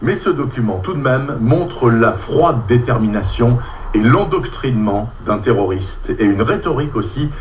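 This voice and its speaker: A man presenting morning radio news in a measured, formal way. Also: medium pitch, animated, slight background noise.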